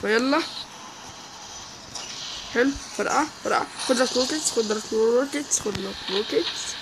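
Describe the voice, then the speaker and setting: A man with an Egyptian Arabic accent giving excitable live gameplay commentary, repeating words in quick bursts. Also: extremely high pitch, creaky, background noise. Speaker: gaming YouTuber.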